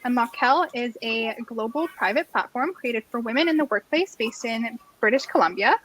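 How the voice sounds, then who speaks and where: A woman hosting an event, reading a brisk introduction of the next speaker. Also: high voice, fairly bright tone, rough recording. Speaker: event host.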